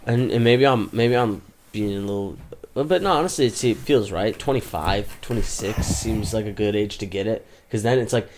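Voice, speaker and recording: A man's voice: lowish voice, moderate pace, noisy background. A man in his twenties, co-hosting a casual podcast chat, who rambles through stories and keeps saying "dude". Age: 20s. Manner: rambling, says "dude" constantly, laughs mid-story. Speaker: podcast co-host.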